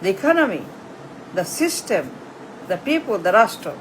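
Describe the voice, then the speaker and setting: Woman, political rant, high voice, slow deliberate delivery, repetitive accusing questions, faint air-conditioner hum. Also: very animated, low-quality recording. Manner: emphatic, repetitive rhetorical questioning; accusatory and scornful. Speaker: political commentator. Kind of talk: direct-to-camera political rant.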